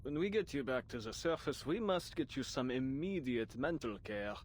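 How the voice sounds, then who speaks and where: A mid-pitched man's voice, smoothly patronizing and dismissive. He talks down with weary exasperation, as an actor plays him in a game. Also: lively intonation, normal speed, crowd noise, lightly acted. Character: condescending middle-aged man, smugly dismissive gaslighter.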